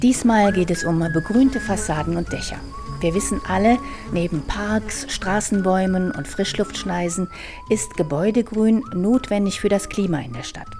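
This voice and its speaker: A woman reporter giving scripted radio feature narration in a measured, descriptive way. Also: mid-range voice, over music.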